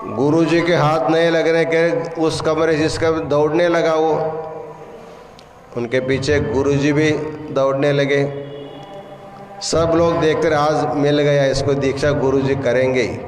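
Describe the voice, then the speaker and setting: Marathi-accented male preacher, slow and fairly high, in a reverberant hall with faint noise. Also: steady tone, music in the background. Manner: slow, story-telling, with quoted voices. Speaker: spiritual leader giving a discourse. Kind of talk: storytelling sermon.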